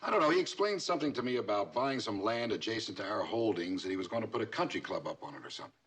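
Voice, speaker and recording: An actor playing an impatient, brusque company executive in a 1970s TV crime drama. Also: male voice, on the low side, animated, racing, fairly bright tone, husky.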